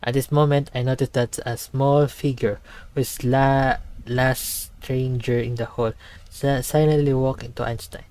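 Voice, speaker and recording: A man's voice: mid-range voice, little pitch movement, a little slow, few pauses, a little mellow, clean tone, poor audio. A young man reading game dialogue aloud and commenting. He stumbles and corrects himself often. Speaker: gameplay commentator.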